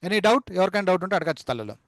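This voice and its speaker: Guy teaching an online class, highish voice, dry close sound, says syllables over and over. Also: very animated, a bit bright, dry recording. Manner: repeats syllables slowly to drill spelling; calls students amma and nanna fondly. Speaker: spoken English teacher.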